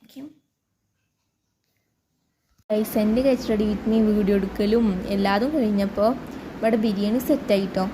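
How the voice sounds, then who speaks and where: A woman's voice: medium pitch, fairly even intonation, normal speed, noisy background. A woman with a Kerala Malayali accent vlogging casually, mixing English words into her Malayalam. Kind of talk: casual vlog narration.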